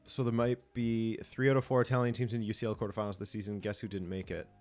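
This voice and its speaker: A man's voice: on the low side, little pitch movement, fast, darkish tone. Casual man hosting a live stream. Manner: reads viewer comments aloud and chuckles. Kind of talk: casual live watch-along chat.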